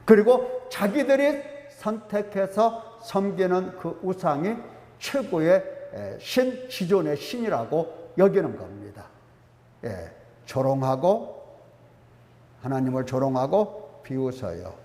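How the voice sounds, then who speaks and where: A man's voice: sits high, big pitch swings, slow, mellow, reverberant, big-room sound. A male pastor preaching a sermon with emphasis, often asking the congregation questions. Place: church sanctuary.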